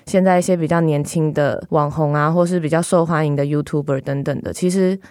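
Low-voiced woman talking through a face mask. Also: steady tone, brisk, a little mellow, dry recording, clean studio sound. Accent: Taiwanese. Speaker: journalist guest. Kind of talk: conversational podcast discussion.

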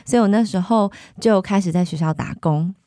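A woman in her thirties with a Taiwanese Mandarin accent, a guest candidly telling her life story in a lively, animated way. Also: medium pitch, brisk, no echo, studio quality.

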